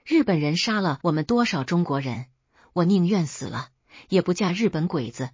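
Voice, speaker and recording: 一位女声演绎的倔强又爱哭的年轻小姐，撒娇恳求。嗓音偏低、带点气声，录音有些闷。. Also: female voice, lowish voice, expressive, normal speed, husky, dry recording, highs cut off. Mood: pleading. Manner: pleading, wheedling. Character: stubborn tearful young woman, a rich man's daughter.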